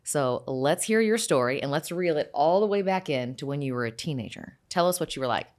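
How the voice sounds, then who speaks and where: Chatty quick-talking female host. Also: low-pitched, expressive, darkish tone. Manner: chatty, joking, brisk. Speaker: podcast host. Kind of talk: casual interview chat.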